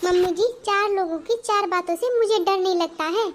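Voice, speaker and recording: A woman voicing a headstrong young bride in a cartoon, talking back sharply in a very high voice. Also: normal speed. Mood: defiant. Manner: defiant, talks back sharply. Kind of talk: Hindi cartoon voice acting.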